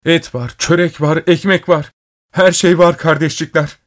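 A man's voice: brisk, gravelly, a little mellow. A man doing a hungry young student. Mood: eager. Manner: low grumbling mutter. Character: young hungry student, muttering, then gleeful.

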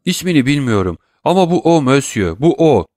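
A man's voice: medium pitch, fairly quick, dry recording, clean studio sound, pitched above the performer's own voice, close to an everyday voice. A man voicing a panicked, exclaiming steward. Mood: alarmed. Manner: excited, exclaiming, broken repetitions. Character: agitated male steward, frightened and overwrought.

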